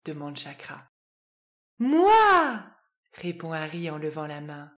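A woman calmly narrating a children's wellness story with soft, gentle pacing. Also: low-pitched, normal speed.

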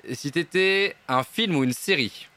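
A male host in a restaurant, asking quick questions with brief, playful prompts. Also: a little high, pushed and bright. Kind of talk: interview questions.

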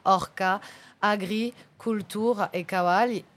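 A woman's voice: mid-range voice, fairly even intonation, slow pace. A young woman, a farm-tourism entrepreneur and singer, chatting casually as an interview guest and telling stories. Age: young adult.

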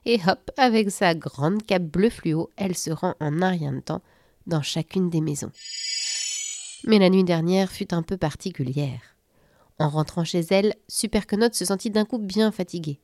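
A woman narrating a children's story in a lively, playful storybook manner. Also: on the low side, moderate pace, dry recording, clean studio sound.

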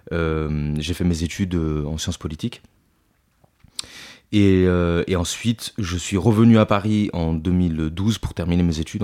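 A man in his thirties with a very deep voice, from Italy, speaking as a podcast guest. He talks loosely and casually, pausing often with fillers and starting his sentences over. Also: a little mellow. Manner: hesitant, many fillers and restarts. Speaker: podcast guest, climate activist. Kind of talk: casual interview talk.

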